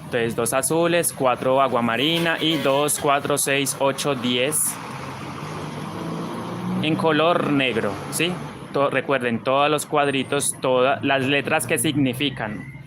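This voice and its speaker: A man's voice: medium pitch, takes it slowly, background noise. A man with a Colombian paisa accent teaching crochet on a live stream, chatting and reading viewer comments as he works.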